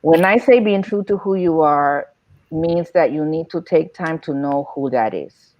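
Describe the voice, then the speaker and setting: A woman's voice: low-pitched, measured pace, no room sound, highs cut off. A woman speaking as a panel guest, making her points emphatically and building them through repetition. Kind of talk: panel discussion.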